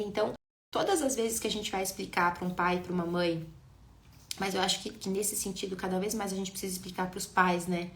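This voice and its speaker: A woman, an educator in neuroscience, giving a lively live talk and speaking straight to her viewers. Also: mid-range voice, creaky, echoey room. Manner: animated, addresses viewers directly.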